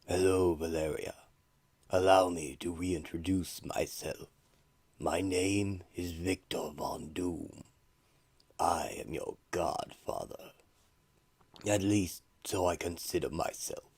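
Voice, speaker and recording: A man voicing an imperious armored villain sorcerer in a comic-book radio play, slow, pompous and eldritch, with breathy menace. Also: deep voice, darkish tone, no echo, exaggerated voice. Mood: sinister calm.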